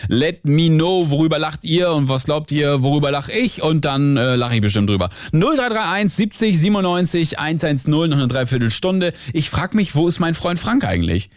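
A chatty, playful man hosts a late-evening call-in radio show, his voice lively and jumping around in pitch. He sits close to a studio mic, and the sound is dry with no room echo. He teases his callers in a relaxed, joking way. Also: moderate pace, few pauses. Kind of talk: casual call-in radio chat.

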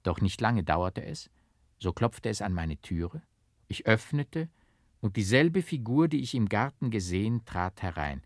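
A man narrating a literary novel in a measured, dramatic storytelling manner. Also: on the low side, big pitch swings, no echo, clean studio sound. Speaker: audiobook narrator.

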